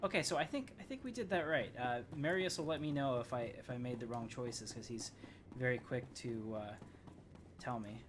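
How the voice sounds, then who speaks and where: A man hosts a game livestream, chatting casually with viewers and rambling as he thinks aloud during play. His mid-range voice moves at normal speed over a noisy background with game music.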